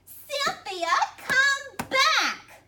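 A woman's voice: sits high, huge pitch swings, slow, voice pushed up, full character voice. A woman voicing a small, fearless girl in a picture-book reading, chirpy and bossy. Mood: demanding. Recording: distant mic, faint background noise.

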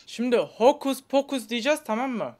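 A woman's voice: on the high side, expressive, moderate pace, darkish tone. A woman pranking strangers over video chat, teasing them with slangy, playful patter and a mock magic trick. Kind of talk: casual trolling chat with strangers.

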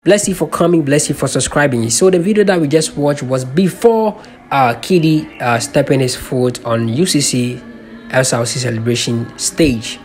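A man's voice: medium pitch, moderate pace, faint music behind. A man with a Ghanaian accent hosting a channel, giving a chatty commentary voice-over that mixes Pidgin into English. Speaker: channel host.

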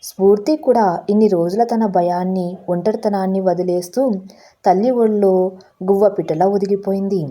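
A woman narrating a scripted story. Her voice is very dark and mellow, with a middle pitch. She tells it steadily and with feeling. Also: steady tone, moderate pace.

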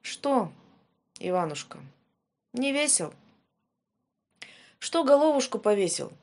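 A woman's voice: on the high side, sing-song, takes it slowly, darkish tone, pitched above the performer's own voice, full character voice. A woman voicing a kind, wise little humpbacked horse in a fairy-tale reading. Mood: caring. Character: small kind humpbacked magic pony, wise friend.

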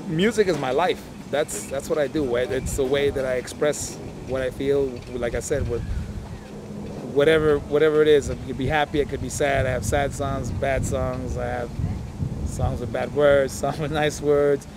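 A man's voice: mid-range voice, steady tone, moderate pace, noisy background. A man from El Salvador, a punk band member, chatting casually outdoors with frequent laughs. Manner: chatty, laughs often, uses fillers. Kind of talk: casual interview. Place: outdoor festival plaza.

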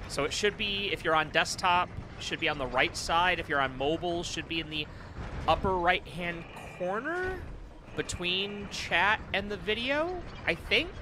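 A man's voice: sits high, expressive, measured pace, background noise. A man giving casual gameplay commentary as a streamer, rambling and swearing.

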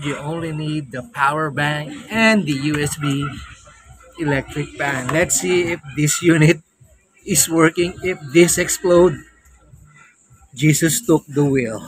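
The recording is low quality with no room sound, capturing a slightly high, fairly bright voice with a breathy edge. It belongs to a man in his thirties with a Filipino accent, playfully reviewing a product on his phone camera for a vlog, first at a beach hut at night, then in a tent.

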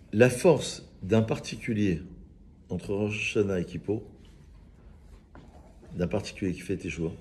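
A man, a rabbi giving an informal, lively Torah lesson and joking with his small group of listeners. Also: fairly low pitch. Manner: lively, teasing, chats with listeners. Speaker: rabbi teaching a class.

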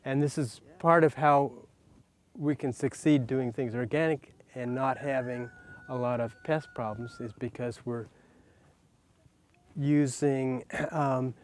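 An older man, a farmer, giving a casual tour outdoors, speaking haltingly and often clearing his throat. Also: mid-range voice, darkish tone. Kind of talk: casual explanation on a farm tour. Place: outdoors in a garden and greenhouse.

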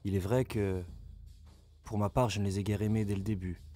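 Man reading a calm young queen. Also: lowish voice, fairly quick, faint music behind, pitched below the performer's own voice, lightly acted. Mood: wistful.

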